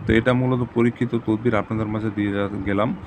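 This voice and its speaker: A man with a low, flat voice talks through step-by-step instructions, repeating each point steadily like a patient teacher. Clear background noise and the hum of passing traffic sit behind him. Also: fast. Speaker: tantric channel host. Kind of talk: instructional talk to camera.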